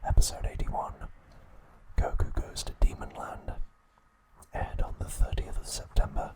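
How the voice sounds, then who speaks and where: Whispering gently and breathily, a man narrates as an ASMR host, keeping his pace slow and his tone soothing.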